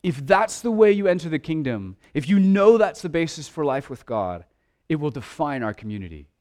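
A man preaching a sermon in an earnest way, stumbling over restarts and at times dropping to a hushed voice. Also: a little high, expressive, moderate pace. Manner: earnest preaching with repeated restarts, dropping to a hush for quiet asides. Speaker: pastor.

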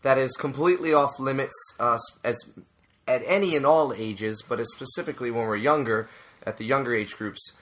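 A youth soccer coach co-hosts a casual advice chat, speaking briskly in a medium-pitched, fairly bright voice. He is earnest and grows emphatic when driving a point home, with frequent fillers and restarts.

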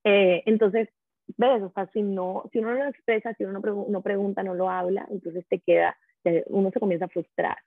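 Mom co-hosting a chill podcast, chatty, sounds phone-like and dry. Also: female voice, mid-range voice, steady tone, a little fast, no room sound. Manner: chatty, conversational storytelling. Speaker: podcast co-host. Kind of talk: casual podcast chat.

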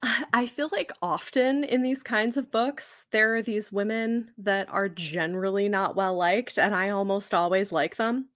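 A woman co-hosting a podcast chats casually about books in a medium-pitched voice, a little slow and with few pauses. The studio sound is clean, with no echo.

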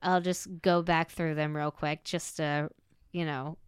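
Young woman, light Southern accent, casual podcast chat, smooth resonant voice, lowish pitch, dry close sound. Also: little pitch movement, no echo. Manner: chatty, laughs often, quick asides.

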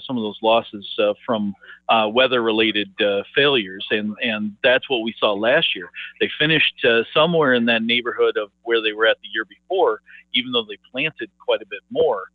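A man speaking over the phone as a market analyst guest, halting and full of filler words and restarts. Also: mid-range voice, no room sound. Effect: heard over the phone. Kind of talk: phone interview on grain markets. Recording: tinny phone line, dry.

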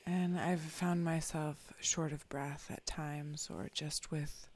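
A meditation guide leading a guided meditation, often whispering soft, calm instructions. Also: medium pitch, slow pace.

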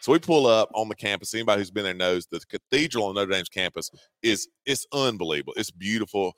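A man in his forties with a Georgia Southern accent co-hosts a sports talk show, spinning a folksy story amid plenty of laughter. His voice sits on the low side with lively intonation and a fairly bright tone, and he talks fast. There's no echo.

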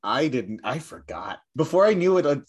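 A man's voice: on the high side, sing-song, normal speed, a crowd in the background. Rambling, joking man on a podcast. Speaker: podcast co-host. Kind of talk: casual podcast chat.

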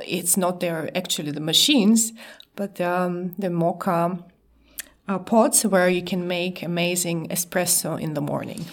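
A woman with a non-native English accent co-hosts a casual podcast, explaining things haltingly as she searches for words. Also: on the low side. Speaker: podcast co-host.

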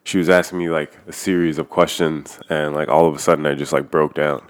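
A man's voice: rumbling low, fairly even intonation, brisk. A man talking casually and candidly about his feelings, filling his speech with "like" and swearing freely. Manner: loose and candid, heavy use of "like", swears freely. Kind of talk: casual personal chat.

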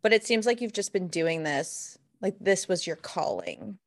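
A woman's voice: lowish voice, expressive, normal speed, creaky. A young woman hosting a podcast, playful and chatty with casual slang. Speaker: podcast host. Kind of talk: casual interview conversation.

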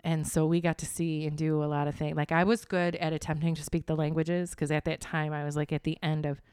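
Casual podcast co-host, woman, smooth resonant voice, dry close sound. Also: deep voice, little pitch movement, fairly quick, darkish tone, dry recording. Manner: chatty, laughs often, trails into asides. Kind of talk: casual chat. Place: home dining room studio.

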